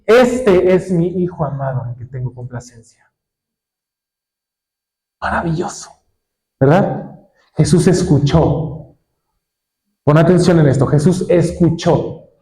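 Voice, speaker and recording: A male pastor preaching a sermon, reading scripture slowly and putting questions to the congregation. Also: high-pitched, warm tone, rough recording. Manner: asks the congregation questions and waits for answers; reads scripture aloud slowly, drawing words out.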